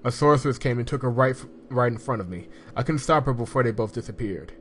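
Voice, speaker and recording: A man's voice: medium pitch, quick pace, natural voice. A man reading the lines of an earnest young male hero in a game, in his own voice.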